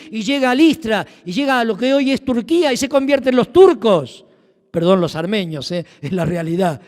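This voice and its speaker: Rioplatense pastor guy preaching, high voice, goes loud then quiet, long church echo. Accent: Rioplatense Spanish. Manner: emphatic, swings from loud to hushed. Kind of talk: sermon. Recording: long reverb of a church hall.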